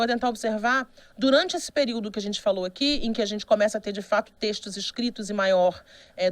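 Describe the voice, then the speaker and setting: Brazilian woman teaching, fairly high voice. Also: no room sound. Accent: Brazilian Portuguese. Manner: explanatory, with frequent "né?" checks and restarts. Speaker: university lecturer. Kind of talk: recorded online lecture.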